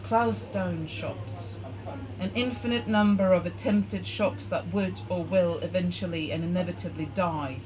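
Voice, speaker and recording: Woman, spoken-word poet reading slowly from her phone; noisy live bar recording. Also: fairly low pitch. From Norway. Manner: reads her poem from a phone, measured and deliberate. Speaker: performing poet. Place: bar hosting a poetry night.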